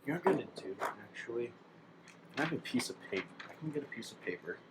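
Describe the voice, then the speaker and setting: A DIY electronics hobbyist narrates his hands-on work, thinking aloud in a casual, hesitant way as if half talking to himself. His voice sits at a medium pitch with lively intonation and a quick pace, and the recording is very noisy.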